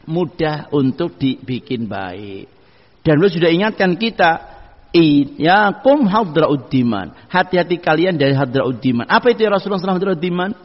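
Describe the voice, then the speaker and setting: A male preacher delivers a sermon, his voice pitched high for a man. He gives homely advice and drops in Arabic quotes. The recording sounds dull, with a long hall echo.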